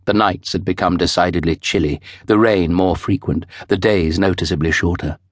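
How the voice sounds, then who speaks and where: A man giving measured, expressive scripted narration of a novel for an audiobook. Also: low-pitched, no echo, clean studio sound.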